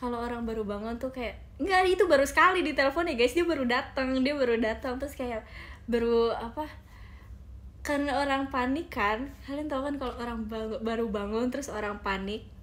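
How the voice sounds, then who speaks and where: A woman's voice: a little high, a little fast. A young woman chatting casually on a phone live stream from home, giggly and reading viewer comments aloud. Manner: chatty and giggly, often addresses viewers as guys.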